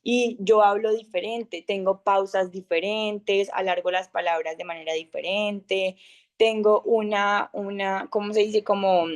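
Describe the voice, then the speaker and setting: Young woman, loud and high-voiced, informal teaching talk with lively examples. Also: measured pace. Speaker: speaker of an online masterclass.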